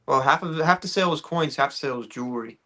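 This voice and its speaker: A young man who works as an auctioneer, chatting casually and telling stories in an animated way. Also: medium pitch, fast talker. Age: young adult. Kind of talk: casual chat.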